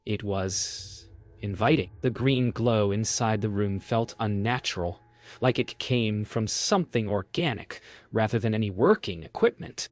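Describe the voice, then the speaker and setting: A man reads a scripted first-person horror story as narrator, with measured, deliberate phrasing. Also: on the low side, no echo.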